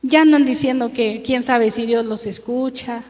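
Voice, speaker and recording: A woman's voice: fairly high pitch, fairly even intonation, a little mellow. A woman pastor preaching a sermon in a church, emphatic and drawing out her words as she quizzes the congregation with repeated questions. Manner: slow, drawn-out reading of scripture verses. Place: church sanctuary. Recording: long hall reverb.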